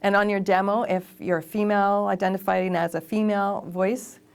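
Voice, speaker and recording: A woman voice actor and casting director giving lively, emphatic advice in a conversational interview. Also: mid-range voice, brisk, clear, resonant tone.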